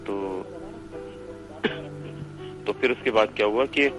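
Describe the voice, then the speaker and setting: A man's voice: on the low side, takes it slowly, over music. Middle-aged man telling a ghost story. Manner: animated, acts out family members' lines. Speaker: caller telling a haunting story. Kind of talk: casual storytelling.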